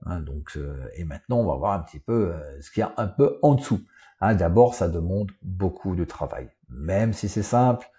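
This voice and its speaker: A man with a low, mellow voice teaches in a loose, conversational way. He fills his pauses with hesitations and keeps checking in with the listener. His sits easily in the plain talk of a coaching trainer. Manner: casual, many fillers like "euh" and "hein". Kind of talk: unscripted online lesson.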